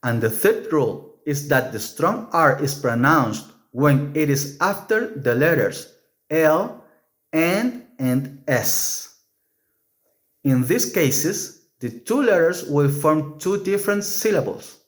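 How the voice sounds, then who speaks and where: A man giving a scripted pronunciation lesson as a teacher, measured and carefully enunciating example words with rolled Rs. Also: a little high, expressive. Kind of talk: scripted instructional narration.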